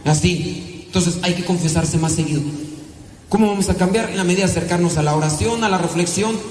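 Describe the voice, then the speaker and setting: Animated Mexican priest preaching in a hall. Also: male voice, sits high, fairly quick, slight background noise. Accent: Mexican Spanish. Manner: animated, rhetorical questions, laughs between points. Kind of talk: sermon. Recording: echoey room with long reverb.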